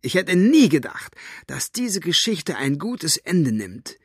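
A man voicing a fierce, sharp-tongued older woman who is scornful and defiant. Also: mid-range voice, lively intonation, moderate pace, dry recording, clean studio sound, voice pushed up.

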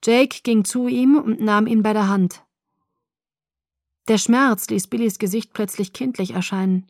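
Female audiobook narrator, calm even read, dry studio sound. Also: mid-range voice, a little slow, no room sound. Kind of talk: scripted first-person narration.

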